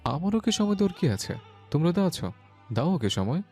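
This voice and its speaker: A man's voice: a little high, sing-song, fairly quick, a little mellow, slightly rough, faint music behind. A man voicing a terse, reserved young husband who answers in an offhand way. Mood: curt.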